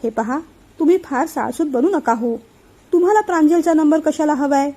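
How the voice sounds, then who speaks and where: A woman voicing a meddling, sharp-tongued middle-aged aunt who prods and scolds. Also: sits high, normal speed, natural voice. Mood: prying.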